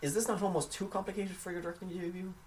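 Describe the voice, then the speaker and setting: The man co-hosting this casual film chat podcast talks very fast in a high-pitched, level, slightly mellow voice. He's hesitant, frequently repeating words while he shapes his point. His voice is a little distant from the microphone, with slight background noise.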